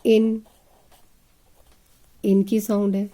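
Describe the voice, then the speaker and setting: This slow phonics lesson for children comes from a woman with a mellow, mid-range voice that barely shifts in pitch and draws words out. She addresses her pupils as children, asks them questions, and spells English words letter by letter before sounding them out.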